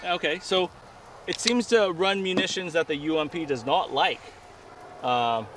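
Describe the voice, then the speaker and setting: A man's voice: on the high side, measured pace. A man hosting a casual firearms review, talking outdoors at a range. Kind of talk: casual chat, gun review. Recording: distant mic, faint outdoor noise.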